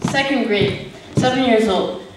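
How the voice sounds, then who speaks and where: A young woman performing a stage monologue, telling her story with lively delivery. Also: on the high side, measured pace, lightly acted. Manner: lively storytelling, switching into quoted voices. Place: stage in a hall. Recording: echoey hall from far off, faint noise.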